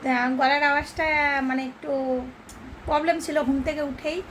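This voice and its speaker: A woman's voice: sits high, fairly even intonation, moderate pace, fairly bright tone, a little hiss or hum, low-quality recording. A woman with a Bengali accent chatting casually to her viewers in a daily vlog. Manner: chatty, addresses viewers directly. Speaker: vlogger.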